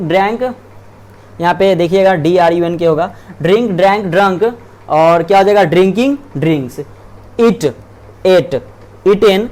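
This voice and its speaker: Guy with a pretty high voice teaching verb forms online, reads lists, keeps saying theek hai. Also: darkish tone. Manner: reads word lists aloud, repeating and self-correcting. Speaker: English grammar teacher. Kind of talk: online grammar lesson.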